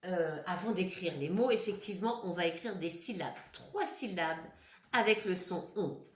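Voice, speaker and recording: A woman teacher with a lowish voice, speaking at normal speed, patiently guides young children through a handwriting lesson step by step. She's recorded in an echoey room at home, set back from the mic.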